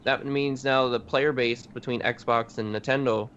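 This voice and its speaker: A man's voice: mid-range voice, steady tone, a little slow, a bit bright. A man co-hosting a casual podcast chat, easygoing and rambling, correcting himself as he goes. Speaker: podcast co-host. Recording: dull lo-fi audio with faint hiss.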